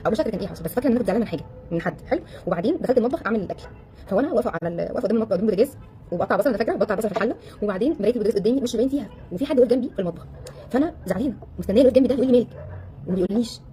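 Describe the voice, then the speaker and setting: Egyptian woman coaching a crowd, talks super fast, kinda high pitch, lots of rhetorical questions. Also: soft background music. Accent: Egyptian Arabic. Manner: animated, full of rhetorical questions; acts out quoted voices. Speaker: relationship coach. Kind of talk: casual talk to a live audience.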